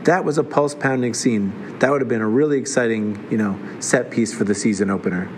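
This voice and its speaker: A man's voice: mid-range voice, brisk, slight background noise. A man hosting a comedic TV review, talking in a wry way with sarcastic asides. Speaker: host reviewing a TV series.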